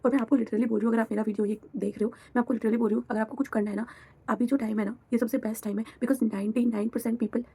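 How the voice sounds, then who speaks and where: A woman's voice: fairly high pitch, flat delivery, rapid-fire, dark tone, husky. A young woman vlogger who talks bluntly and frankly in a candid personal monologue, switching between Hindi and English.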